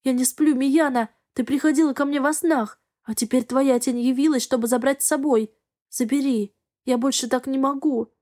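Teary frightened young woman, voiced by a woman, high pitch, breathless pleading, storybook. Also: steady tone, normal speed, darkish tone, natural voice. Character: frightened tearful young woman, guilt-ridden sister.

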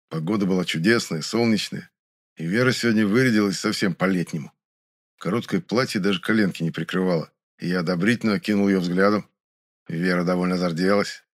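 A man with a fairly low voice narrates an audiobook in the first person. He tells the story in an even, matter-of-fact way. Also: dry recording, clean studio sound.

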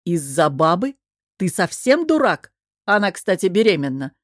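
A woman voicing a cool, sarcastic older male governor who speaks calmly. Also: lowish voice, normal speed, no room sound, studio quality. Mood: mocking. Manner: calm, sarcastic.

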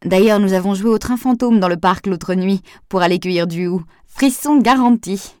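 A woman reading aloud, voicing a lively young woman with a playful, teasing manner. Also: medium pitch, normal speed, clean tone, no echo, studio quality, natural voice.

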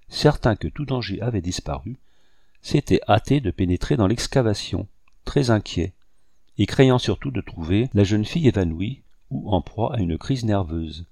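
A man reads a classic novel aloud in a measured, steady way. His voice sits low and dark, with a gravelly edge. The recording is dry and close. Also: dry recording. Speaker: audiobook narrator. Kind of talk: scripted narration.

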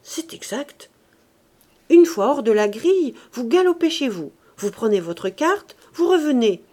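Frantic old countryman, as a woman reads him, loud and raised, rustic old speech, storybook audiobook. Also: high voice, sing-song, a little slow, pitched above the performer's own voice, heavily acted. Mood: urgent. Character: old male gardener, frantic and despairing.

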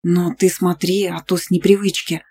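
A woman voicing a sharp-tongued young female student friend in an audiobook, with hissed whispers and quick jabs. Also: lowish voice, level tone, close to an everyday voice.

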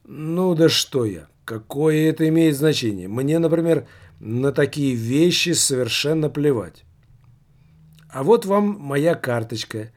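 A man putting on an indignant, shouting company director. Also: on the high side, expressive. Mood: courteous. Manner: exclaiming, indignant, drawn-out reproaches. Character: irritable male company director, polite turned angry.

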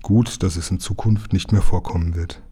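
A man reading a children's book aloud, voicing a calm, sturdy engine driver who talks low and gruff. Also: normal speed.

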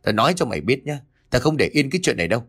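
A man's voice: medium pitch, sing-song, very fast, a bit bright, slightly rough. A man voicing a spiteful middle-aged village woman who sneers and scolds. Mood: spiteful scolding.

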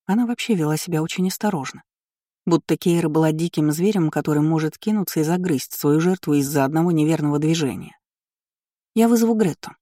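An audiobook narrator reading a novel in an even, measured storytelling voice into a close mic. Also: medium pitch, no echo. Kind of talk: scripted narration.

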